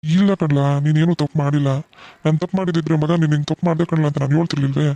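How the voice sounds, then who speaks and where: A man voicing a gentle middle-aged village father in a cartoon, soothing and reassuring his daughter. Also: a little high, steady tone, racing, gravelly, dry recording, highs cut off. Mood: comforting. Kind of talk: cartoon voice acting.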